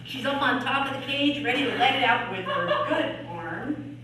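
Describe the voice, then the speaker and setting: A woman's voice: fairly high pitch, expressive, normal speed, a crowd in the background. A woman telling a long joke at an open mic, chatty and laughing at her own punchlines. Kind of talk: live stand-up joke telling. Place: small comedy club stage. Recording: echoey room from far off, noisy.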